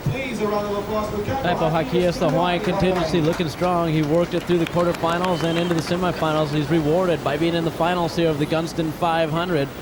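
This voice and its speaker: A man's voice: on the high side, steady tone, normal speed. A man giving live surf contest commentary as a laid-back surfer announcer. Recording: outdoor event with loud crowd noise. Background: loud crowd.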